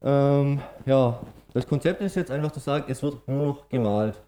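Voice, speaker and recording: At a technical conference, a middle-aged conference speaker from Swabia, Germany, presents matter-of-factly in a Swabian German accent with frequent fillers. His voice is warm and medium-pitched at a moderate pace, with slight background noise.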